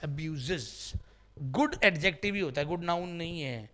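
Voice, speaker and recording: A man's voice: a little high, lively intonation, moderate pace, fairly bright tone. A man teaching English vocabulary in a classroom, quizzing students with repeated questions in a playful way.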